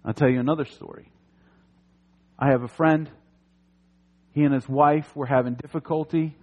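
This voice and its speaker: A man preaching a sermon in an animated, conversational way, with jokey asides. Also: fairly high pitch, normal speed, phone-quality sound. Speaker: pastor.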